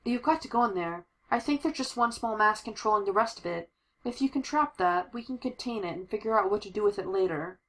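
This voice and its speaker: A woman's voice: mid-range voice, lively intonation, a little fast, lightly acted. A woman voicing a bossy young woman giving urgent directions over an earpiece. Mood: instructive.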